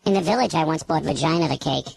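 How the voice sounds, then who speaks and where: A man voicing a cheeky talking ice cream cake through a pitch-shifted voice effect, teasing and needling in a radio comedy bit. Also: fast talker, gravelly, crowd noise, rough recording. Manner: teasing, needling, mock-innocent. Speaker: radio host.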